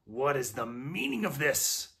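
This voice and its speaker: A man's voice: medium pitch, sing-song, a little slow, creaky, bright, forceful tone, exaggerated voice. A man voicing a cruel and imperious witch queen who speaks in a commanding, contemptuous manner during a storybook reading.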